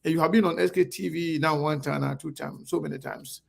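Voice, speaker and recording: Male host, slightly higher voice, gravelly, friendly and hesitant. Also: steady tone, brisk. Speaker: show host. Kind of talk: interview conversation.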